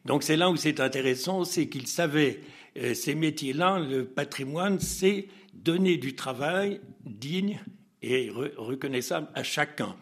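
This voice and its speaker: Unhurried and slightly rough, his voice sits a little high as he shares an anecdote as an interview guest. He tells it with lively energy, performing the dialogue, laughing often, and hesitating and restarting along the way.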